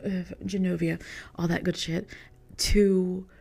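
A woman's voice: lowish voice, little pitch movement, slow, vocal fry, mellow, husky. A young woman, a content creator, talking casually in a rambling podcast monologue, filling her sentences with "like". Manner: rambling, heavy use of "like" as filler.

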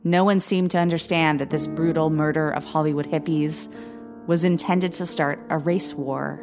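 Low-voiced woman narrating true crime. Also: fairly even intonation, music in the background. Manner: measured, grave storytelling with quoted voices. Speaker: podcast narrator.

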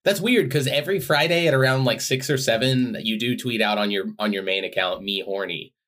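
A man co-hosting a podcast, chatting casually and teasing his friend with playful, deadpan jokes. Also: mid-range voice, brisk. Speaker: podcast co-host. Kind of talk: casual chat.

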